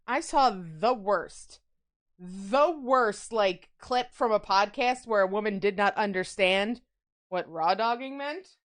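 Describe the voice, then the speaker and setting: On a baking livestream, a woman from New York with a Long Island accent chats casually with viewers, greeting people by name and rambling through asides as she bakes. Her medium-pitched voice is expressive and slow.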